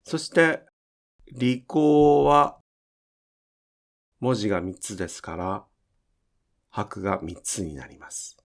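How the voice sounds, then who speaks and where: A man teaching Japanese pronunciation in a slow, careful explanatory lesson, drawing out his example words. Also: low-pitched, very animated, fairly bright tone.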